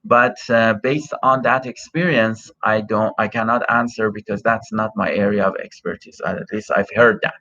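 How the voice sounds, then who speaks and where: A middle-aged man whose first language is Farsi hosts a livestream Q&A as an immigration consultant, reading and answering viewer questions into a cell phone. His voice is fairly low and bright with a forceful edge, his intonation fairly even and his pace moderate with hardly any pauses, yet he sounds hesitant, full of fillers and restarts. The phone audio is dull and lo-fi.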